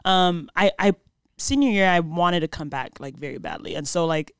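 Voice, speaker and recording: A woman's voice: on the low side, normal speed, clean tone, no echo, clean studio sound. A young woman from Samoa, chatting casually and reminiscing in an informal way full of slang. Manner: informal, says dude and like often. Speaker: podcast guest.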